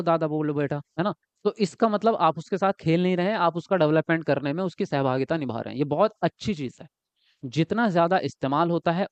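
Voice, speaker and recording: A man teaching an exam-prep class online, lively and repetitive, often checking whether his students follow. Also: a little high, no echo, lo-fi sound. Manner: lively, repeats words and asks students if they follow.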